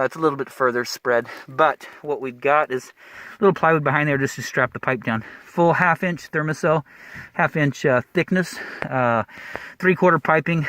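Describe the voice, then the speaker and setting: A man's voice: a little high, a bit bright, dry recording. A man, a plumbing contractor, giving a casual, rambling job-site walkthrough in a cramped attic, out of breath behind a mask. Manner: quick, rambling, with fillers and restarts.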